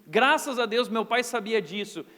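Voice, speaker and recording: A pastor with a Brazilian accent preaching a sermon in a church, animated and humorous as he tells stories. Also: very high voice, normal speed. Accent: Brazilian Portuguese. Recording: reverberant church hall.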